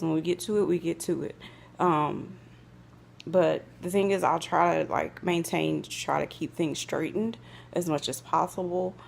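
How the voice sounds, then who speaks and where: A woman's voice: fairly low pitch, gravelly, slight background noise. A woman, chatting casually and correcting herself as she cleans her home kitchen on a phone camera. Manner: chatty, relaxed, self-correcting. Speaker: vlogger. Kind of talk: casual chat while cleaning.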